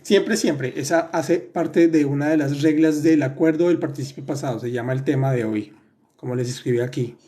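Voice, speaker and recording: A man with a fairly high, mellow voice teaches French in a live online class. He talks patiently, keeps checking that everyone is following, and corrects his students one by one by name. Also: moderate pace. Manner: patient, repeats and checks with "¿listo?"; addresses students by name, corrects their answers.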